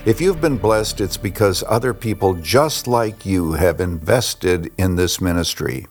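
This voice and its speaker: A man's voice: low voice, unhurried, faint music behind. A man speaking for a radio ministry, appealing directly to listeners to support the ministry. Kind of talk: fundraising appeal.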